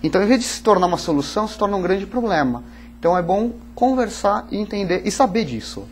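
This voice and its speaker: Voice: medium pitch, expressive, quick pace, a little hiss or hum. A finance guest explaining emphatically on a TV talk show.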